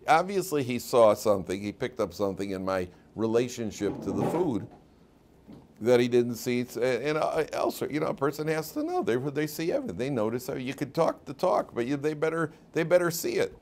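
A rabbi gives his weekly Torah class as a loose, story-filled lecture, repeating words and laughing at his own tales. His voice is mid-range and a little mellow, with a brisk, sing-song delivery.

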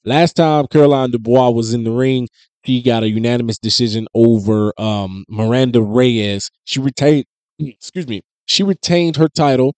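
A man's voice: medium pitch, moderate pace, no echo. Man hosting casual boxing commentary, dry close mic. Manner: conversational, animated, with frequent fillers and restarts. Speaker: host. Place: small home studio indoors. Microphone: studio mic on boom close to mouth.

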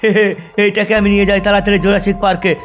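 A man's voice: high voice, completely flat delivery, racing, close to an everyday voice. A man voicing a goofy male zombie who fumbles a car in a game video. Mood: panicky. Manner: panicky, giggling. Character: goofy male zombie, a clumsy first-time driver.

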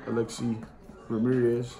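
At a measured pace and medium pitch, a man runs through baseball card names one by one, plain-spoken and slangy, for his card collecting channel. The casual card-opening commentary is filmed in his home dining room by a camera set on the table in front. Steady room noise is present, with a crowd audible in the background.

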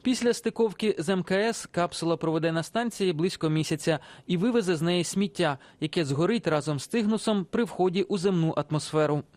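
A man narrating a scripted news report in a clear, steady way. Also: high voice, a little fast. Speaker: correspondent.

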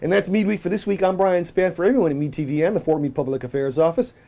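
A man's voice: a little high, fast talker, creaky, dark tone. A middle-aged man hosting a local news show, reading his script in an upbeat way from a small office.

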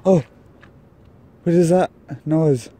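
A man with a slightly high, mellow voice films a ghost-hunting vlog outdoors near a tunnel. He talks slowly and nervously into his handheld camera mic, breaking into jumpy exclamations. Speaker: vlogger.

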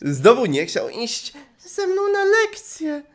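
A man voicing a fussy, complaining teenage schoolgirl in a high, squeaky put-on voice for a game dub. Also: huge pitch swings, slow, exaggerated voice. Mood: whiny.

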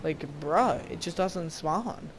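A man's voice: fairly high pitch, expressive, takes it slowly. Frustrated young man, noisy gameplay. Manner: frustrated, slangy, mumbling to himself. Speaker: gamer. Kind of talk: casual gameplay commentary.

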